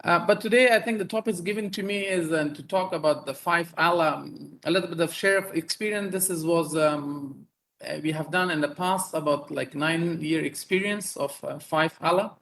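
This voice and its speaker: Halting Afghan-born male surgeon, fairly high voice. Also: gravelly, fairly bright tone, poor audio. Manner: halting, many fillers and repeated words. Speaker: neurosurgeon and professor presenting. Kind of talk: conference talk over video call.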